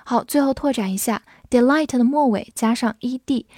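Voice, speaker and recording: A native Chinese-speaking woman with a slightly high voice teaches English vocabulary, calmly explaining words, spelling them letter by letter and leading slow read-alongs. The studio sound is clean with no echo.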